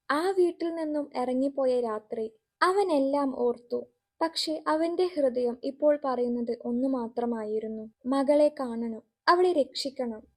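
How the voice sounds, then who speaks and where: High-voiced woman narrating a story.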